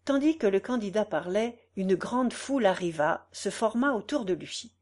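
A woman reading a literary satirical story aloud as narrator, slow and measured. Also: medium pitch, animated, darkish tone.

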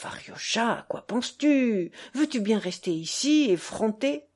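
A woman's voice: fairly high pitch, very animated, a little slow, darkish tone. Woman doing a scolding old grandmother. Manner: scolding, grumbling.

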